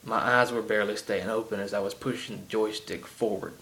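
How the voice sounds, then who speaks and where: Brisk and sharp in tone, with a lowish, steady voice, this heavily Southern-accented gaming vlogger rambles chattily through a casual game rant with many ums and tangents. His iPod camera yields poor audio.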